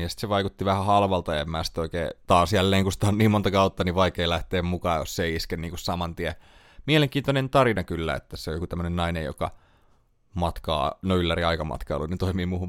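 A man with a very low voice talks through his picks on a solo podcast. He rambles casually, pausing to recall names and correcting himself along the way. The sound is close and completely dry, with no room around it. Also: no room sound. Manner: chatty, thinks aloud, trails off and corrects himself. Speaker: podcast host.

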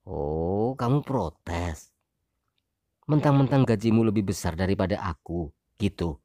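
A woman voicing a weary young husband in an audio story, speaking low and measured. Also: animated, mellow, dry recording, studio quality, full character voice. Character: weary young husband, calm then heated.

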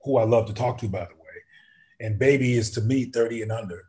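A man's voice: medium pitch, fast, warm tone. A man speaking as an activist guest in a conversational interview, thinking aloud with frequent restarts and acting out the questions he asks.

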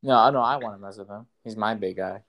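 A man's voice: fairly low pitch, quick pace, a bit bright. A young man chatting casually and dropping in jokey interjections. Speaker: podcast co-host. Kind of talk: casual chat.

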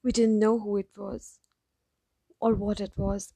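A woman narrating a first-person story in a steady, even storytelling voice. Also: medium pitch, measured pace, vocal fry, dry recording, poor audio.

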